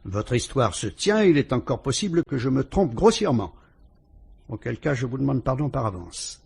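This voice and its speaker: An actor with a French accent playing a calm, shrewd police inspector who politely and ironically probes a suspect in a vintage radio drama. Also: male voice, mid-range voice, vocal fry, husky, full character voice. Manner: measured, probing, politely ironic.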